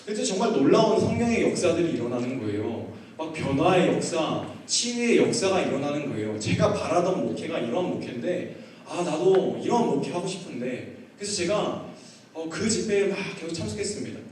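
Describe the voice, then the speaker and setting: A man, a pastor, telling his own story in a sermon, acting out his shouting and then his hushed prayers. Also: a little high, big pitch swings, fairly quick, a little hiss or hum. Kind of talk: sermon testimony. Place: church hall. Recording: echoey hall, far from the mic.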